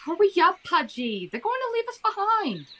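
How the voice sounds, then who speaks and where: A woman's voice: very high-pitched, sing-song, moderate pace, pushed and bright, a little hiss or hum, exaggerated voice. A woman playing a fussy, bossy wife in a comedic audio play. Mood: urgent.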